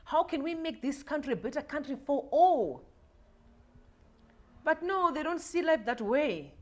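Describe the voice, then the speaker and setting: Impassioned high-voiced woman in her forties. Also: big pitch swings, measured pace. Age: 40s. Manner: emotional, repetitive, preachy, addresses viewers directly. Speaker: livestream host. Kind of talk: impassioned political commentary.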